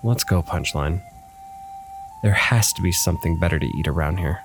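A man's voice: sits low, normal speed, music in the background. A man voicing a greedy, hungry young boy hunter who talks bluntly and bossily to his pet, in a storybook reading. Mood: grumbling.

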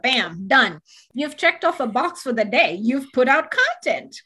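A woman in her forties from Uganda, chatting as a podcast guest in an animated, emphatic way. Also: sits high, a little slow, husky. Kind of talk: casual chat.

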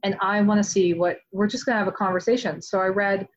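A woman talks in a casual interview, chatty and animated, often reaching for "like" as she goes. Her voice sits at an ordinary middle pitch. The recording sounds a bit dull and lo-fi. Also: fast talker. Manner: chatty and animated, many "like" fillers. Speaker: author being interviewed.

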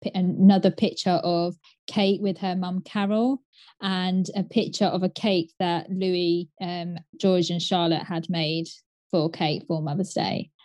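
A woman chats on a podcast in an easy, filler-heavy way. Her tone is mellow and warm rather than bright, and the recording is dry and close. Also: fairly low pitch, little pitch movement, a little slow, no echo. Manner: chatty, frequent "like" and "um". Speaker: podcast co-host. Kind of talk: casual chat.

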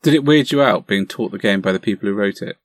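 An eager man with a slightly low voice, recorded dry and close to the mic. He chats keenly and encouragingly with his co-host, with plenty of fillers. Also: fast talker, no echo. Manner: enthusiastic, encouraging, chatty. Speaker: podcast co-host. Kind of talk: casual chat about tabletop wargaming.

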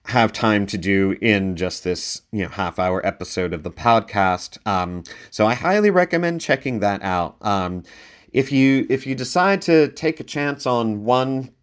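A man's voice: on the low side, expressive, a little slow. A man hosting a casual film review podcast, talking conversationally and leaning into his recommendations with emphasis. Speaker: podcast host.

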